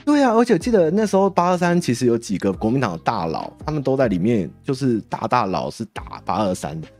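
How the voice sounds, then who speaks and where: A young Taiwanese man hosts a casual monologue in a Taiwanese Mandarin accent, sliding from mellow, low-key asides into animated, sarcastic rants. His pitch swings widely. Faint music plays behind him. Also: a little fast. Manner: animated ranting with sarcastic jokes. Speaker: show host.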